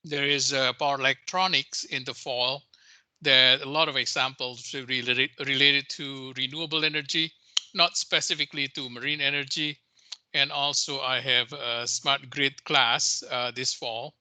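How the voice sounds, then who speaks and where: A man speaking on a video call, halting and hesitant with constant "uh" pauses. His voice is very bright and sharp, and the sound is dry and close. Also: medium pitch, little pitch movement, no room sound. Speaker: university professor. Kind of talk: casual self-introduction on a call.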